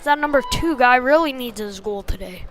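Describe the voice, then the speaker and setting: Expressive and high-voiced, a woman provides informal live play-by-play of a youth hockey game at a moderate pace. Her phrases are short, clipped and casual. The audio comes from an amateur livestream at an ice rink, with faint background noise.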